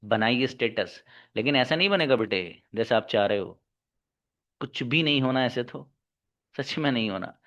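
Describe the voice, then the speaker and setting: A man's voice: mid-range voice, expressive, moderate pace, pauses often, a bit bright. A male English teacher lecturing his class, scolding and exhorting his students to work hard. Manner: scolding, exhorting, calls students son and daughter. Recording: dull lo-fi recording.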